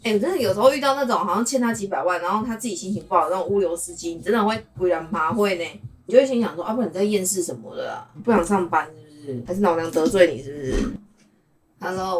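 Sassy taiwanese lady host ranting fast, kinda off-mic. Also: medium pitch, far from the mic. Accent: Taiwanese Mandarin. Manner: animated, sassy, mimics people. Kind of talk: casual chat podcast.

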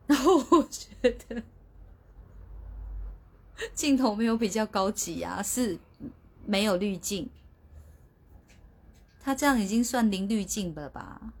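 A woman's voice: mid-range voice, measured pace, pauses often, darkish tone. A woman hosting a casual livestream from her phone, chatty and sheepish, often restarting her words. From Taiwan. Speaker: livestream host.

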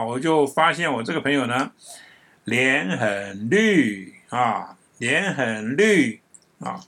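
A man from Taiwan, telling a casual story as a commentator in a chatty way that ends phrases with drawn-out particles. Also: mid-range voice, fairly bright tone.

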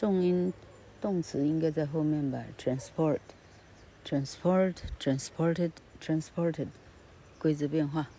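A woman's voice: sits low, takes it slowly, warm tone, slight background noise. A woman teaching grammar in a casual, rambling way, spelling words out letter by letter. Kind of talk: casual spoken lesson.

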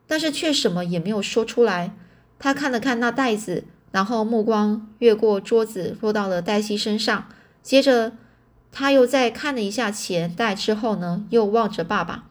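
A woman narrating a novel in a casual reading style, often restarting phrases and adding fillers. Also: on the high side.

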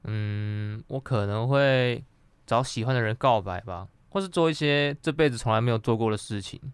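A man's voice: mid-range voice, normal speed, smooth, dry recording. A young adult man with a Taiwanese Mandarin accent, co-hosting a podcast in casual chat. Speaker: podcast co-host. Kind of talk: casual chat about anime and pop culture.

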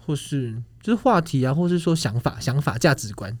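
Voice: mid-range voice, very animated, fairly quick, darkish tone. A podcast co-host with a Taiwanese accent, chatting casually and asking teasing, provocative questions. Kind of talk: casual chat.

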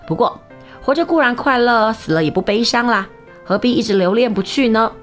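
A woman's voice: a little high, animated, a little fast, faint music behind, voice pushed up, close to an everyday voice. A woman voicing a thousand-year-old female fox spirit disguised as a maid, pleading and plaintive. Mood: sorrowful.

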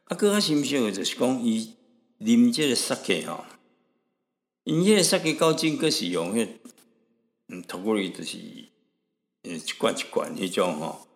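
In a radio studio, a Taiwanese host with a deep, gravelly voice full of fry rambles through stories in a relaxed, chatty manner, adding little tag words and chuckles. He keeps a moderate pace with long pauses, and his voice hangs in a long reverb.

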